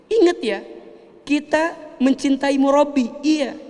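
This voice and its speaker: A man with a high, bright voice delivers a heartfelt sermon, dropping to a soft hush and then rising to loud appeals. His voice rings out with a long reverb, as from a big hall. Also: a little slow. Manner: emotive preaching, swings between soft and loud. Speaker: preacher.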